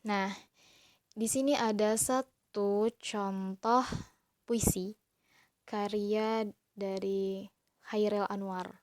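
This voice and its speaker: A woman teacher explaining slowly and patiently to young pupils in a recorded class lesson. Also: medium pitch, darkish tone, no room sound. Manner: slow, patient explaining to children.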